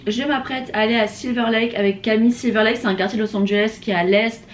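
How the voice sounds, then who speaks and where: A young woman speaks fast to her camera in a fairly high, steady voice, chatting casually with slang, emphasis and English phrases thrown in. Her vlog audio, recorded on a handheld camera or phone, has obvious everyday noise.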